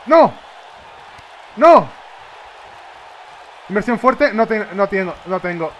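A man with a Spain Spanish accent giving excitable live commentary over a wrestling video game, reacting with shouts. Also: high voice, a little fast, lo-fi sound. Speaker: gamer. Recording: loud game crowd and noise behind. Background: wrestling game crowd noise.

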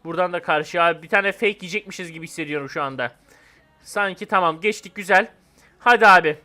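A young man hosting his gaming channel, giving live commentary on a game, swinging between hyped shouting and calm muttering to himself. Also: high voice, fast talker.

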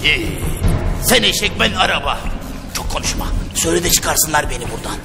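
An actor playing a furious, vengeful pirate captain, blustering and demanding. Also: male voice, fairly high pitch, sing-song, fairly quick, gravelly. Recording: loud background music.

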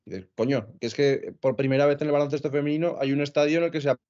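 A man's voice: on the high side, rapid-fire, darkish tone. A man on a sports panel, arguing heatedly and swearing freely. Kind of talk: casual sports talk show. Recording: dull lo-fi video call audio.

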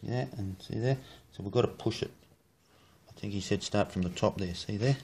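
A man with a lowish, darkish voice talks at a normal speed, with slight background noise. He has an Australian accent and builds rods as a hobby, rambling casually in his kitchen for a how-to video while swearing freely and joking about his work.

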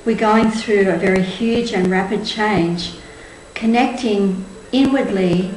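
Speaking to camera, a spiritual tour group leader in her sixties delivers a measured, earnest presentation in a mid-range, darkish voice. The setting is a small indoor room with a cloth backdrop, captured with roomy echo and faint background noise.

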